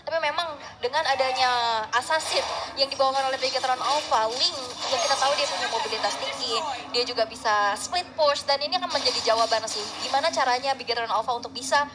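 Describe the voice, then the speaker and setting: An Indonesian woman with a high voice gives live esports commentary. She has the excited manner of a fighting game announcer, with clear game noise behind her. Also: quick pace.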